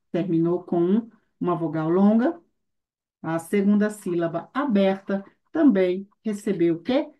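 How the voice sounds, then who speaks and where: Woman teaching grammar, mellow warm voice, keeps asking the class questions. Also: lowish voice. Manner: lively, emphatic teaching with frequent rhetorical questions. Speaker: Hebrew teacher. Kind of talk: online grammar lesson.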